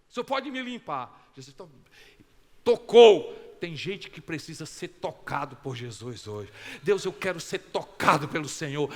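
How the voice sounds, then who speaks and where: Fiery Brazilian pastor preaching in a resonant hall. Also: male voice, high-pitched. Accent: Brazilian Portuguese. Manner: animated preaching, swinging from soft asides to loud exclamations; acts out short quoted dialogues in his own voice. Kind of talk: sermon.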